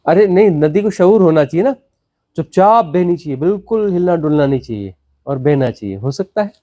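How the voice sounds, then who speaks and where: Fairly quick and expressive, a man with a dark tone gives a satsang discourse, and the recording has no room sound. This spiritual teacher repeats words, asks rhetorical questions, and swings his pitch dramatically.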